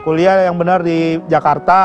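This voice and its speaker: A young stand-up comedian from Bima talks in a high voice. He tells his stories as casual chat and keeps calling the host "Om". Now and then he breaks into excited yelps. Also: normal speed, muffled recording, faint music behind. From Bima, Indonesia. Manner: chatty, addresses the host as "Om", bursts into excited yelps. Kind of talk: casual talk-show storytelling.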